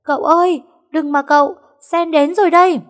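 A woman voicing a frantic, dramatic young maid who wails high and fast. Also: lively intonation, darkish tone. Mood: wailing.

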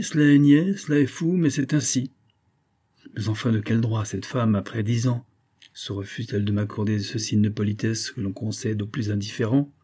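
A man's voice: on the low side, dark tone, husky. A man reading an audiobook, voicing a bitter, obsessive middle-aged man who argues insistently that he is wronged. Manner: agitated, reasoning aloud, insistent.

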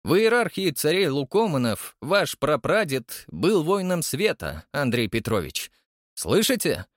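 A man voicing a triumphant old male chairman who believes in fate, speaking in drawn-out, exclamatory bursts. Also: on the high side, very animated, no room sound, studio quality, voice pushed up. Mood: fervent. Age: older. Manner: exclamatory, drawn-out emphatic words.

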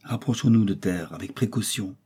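A man's voice: lowish voice, normal speed, warm tone, slightly rough. A man voicing a determined male explorer doctor, giving firm, assured commands in an audiobook.

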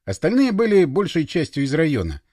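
A man reads a story aloud with a bright, fairly high voice that rises and falls freely. The sound is dry and close, with no room around it. His delivery is lively and well paced. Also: fairly quick, no echo. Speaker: audiobook narrator. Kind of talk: scripted narration.

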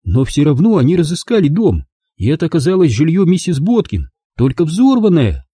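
A man voicing an excitable, indignant young woman in an audiobook, talking in high, insistent exclamations. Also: a little fast, slightly rough, no room sound, studio quality, heavily acted.

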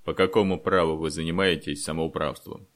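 A man voicing a tough, mocking old soldier in an audiobook, muttering and scolding gruffly. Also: very deep voice, steady tone, fairly quick.

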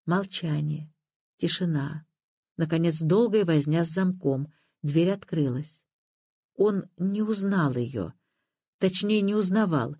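A narrator reading a literary story in a calm, measured way. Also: mid-range voice, breathy edge, no room sound, studio quality.

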